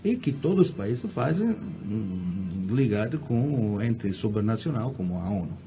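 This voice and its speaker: An Italian guest lecturer with an Italian accent answers questions in a radio interview, often repeating words as he searches for the right Portuguese. His voice is on the low side, mellow and sing-song, a little slow, and the radio recording is muffled with faint noise.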